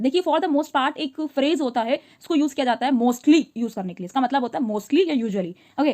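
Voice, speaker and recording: A woman teacher explaining a story line by line. She reads each English line slowly, then explains it in chatty Hindi and asks her listeners questions. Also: sits high, a little mellow.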